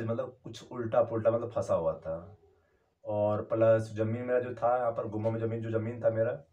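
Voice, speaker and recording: A man's voice: mid-range voice, darkish tone, muffled recording. Rambling man telling a story from far off. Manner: rambling, halting, many fillers and restarts. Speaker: YouTuber. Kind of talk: casual first-person storytelling.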